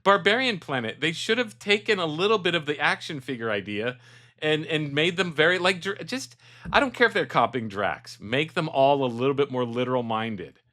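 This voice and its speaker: A middle-aged man co-hosting a casual movie review chat, animated and ranting, acting out lines in put-on voices. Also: on the high side, normal speed. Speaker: podcast co-host.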